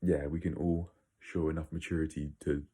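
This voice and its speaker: A man's voice: very deep voice, little pitch movement, normal speed, dark tone, husky. A man giving a casual, opinionated monologue to viewers, rambling and blunt, with some swearing. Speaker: video creator.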